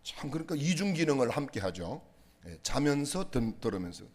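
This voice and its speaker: Playful, husky-voiced Korean pastor. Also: male voice, medium pitch, big pitch swings, moderate pace, a little mellow. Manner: playful, teasing, asks the audience questions. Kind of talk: humorous sermon with jokes and questions to the congregation. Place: church sanctuary.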